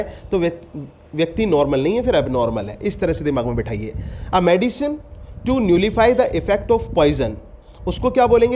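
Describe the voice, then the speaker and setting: A man, teaching an exam-prep vocabulary class. He reads each definition slowly, explains it, and repeats the answer as a question to his students. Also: high voice, darkish tone, slight background noise. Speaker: English teacher.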